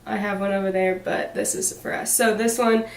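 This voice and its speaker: Chatty young woman with a gravelly edge. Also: medium pitch, little pitch movement, a little fast, distant mic. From Indiana. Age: 20s. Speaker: vlogger, hairstylist. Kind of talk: casual chat. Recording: roomy home video, a bit off-mic, faint noise.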